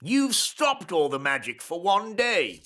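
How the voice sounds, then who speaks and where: A man's voice: sits high, big pitch swings, slow pace, noisy background, heavily acted. A man voicing a bumbling, exasperated fairy king in a children's cartoon. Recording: music behind the voice.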